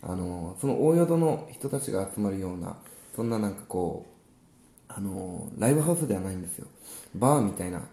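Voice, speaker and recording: A man co-hosting a casual podcast chat, telling about his gigs in a relaxed, rambling way with many fillers. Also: low voice, brisk, roomy sound. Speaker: musician co-host.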